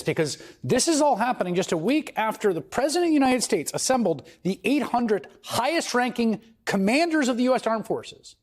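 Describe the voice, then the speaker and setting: A male news anchor delivers a scripted report from the studio desk. His voice is slightly husky and a touch higher than most men's, and it swings widely in pitch as he stresses key points.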